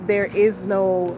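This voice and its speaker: A woman giving a motivational talk in a deliberate, repetitive, emphatic way. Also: mid-range voice, background noise. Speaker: motivational speaker.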